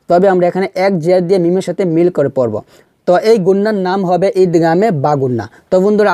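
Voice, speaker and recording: Guy teaching quran reading, soft warm voice, says each sound twice, asks then answers himself. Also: sits high, no echo, clean studio sound. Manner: patient, repeats sounds and syllables slowly to demonstrate pronunciation. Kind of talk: step-by-step recitation lesson.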